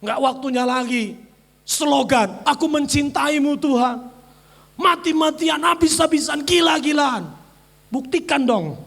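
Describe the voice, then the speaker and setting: A male pastor preaching an energetic sermon, swinging between shouted declarations and soft mimicking asides. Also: very high voice, a little slow, creaky. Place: church sanctuary. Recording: church hall with long reverb.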